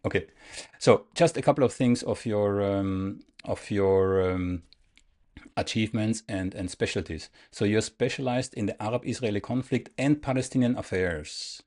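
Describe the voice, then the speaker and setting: In the Netherlands, a man hosting a political interview makes an earnest, emphatic appeal to his viewers before questioning his guest. His voice is on the low side and darkish, at a moderate pace.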